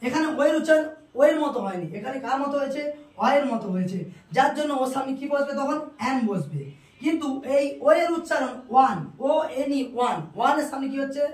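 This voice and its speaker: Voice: high voice, lively intonation, fast talker. An English grammar teacher giving a classroom-style lesson, asking questions aloud and answering them, repeating each rule to drill it in. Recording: roomy echo, distant mic.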